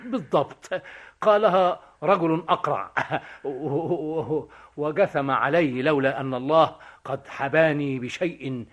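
A man's voice: fairly high pitch, a little slow. A man acting a cheeky, witty Egyptian vagabond in a stage comedy, joking and mocking. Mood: sly. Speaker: stage actor.

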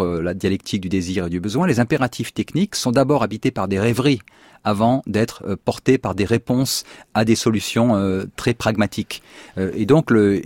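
A man speaks as a guest philosopher on a radio discussion show. His voice is low and is recorded dry and close. He talks haltingly, with many restarts, while he searches for his words. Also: darkish tone, no room sound.

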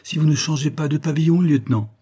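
A man's voice: on the high side, fast talker, warm tone, breathy edge, pitched above the performer's own voice. A man voicing a blunt, loyal sailor who answers his officer in a plain, matter-of-fact way in a read-aloud story.

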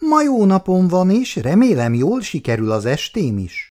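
A man's voice: high voice, wildly swooping pitch, darkish tone, pitched above the performer's own voice. A man voicing a cheerful, teasing young adult daughter in a radio-style reading.

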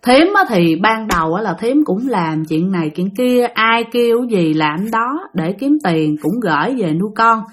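A woman's voice: mid-range voice, lively intonation, normal speed, hardly any pauses, slight background noise. A woman telling ghost stories in a chatty, casual way, full of filler particles and asides to her listeners. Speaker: storyteller. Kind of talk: casual spoken storytelling.

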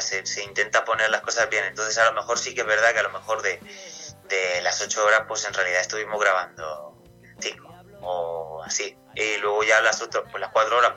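Brief: male singer from central Spain, radio guest, very bright tone, low-ish pitch, loose rambling answers. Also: rough recording. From Castilla-La Mancha, Spain. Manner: rambling, casual, many restarts and fillers.

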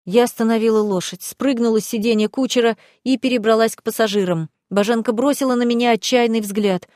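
A woman's voice: fairly high pitch, steady tone, fairly quick, a little mellow, no echo, clean studio sound. Woman narrating a tense audiobook. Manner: dramatic, tense storytelling. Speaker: audiobook reader. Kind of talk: first-person audiobook narration.

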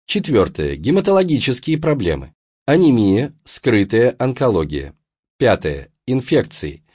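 A man's voice: mid-range voice, very animated, a little slow, a little mellow, breathy edge, no echo, lo-fi sound. A man, a doctor, giving a scripted medical talk with a dry, wry anecdote.

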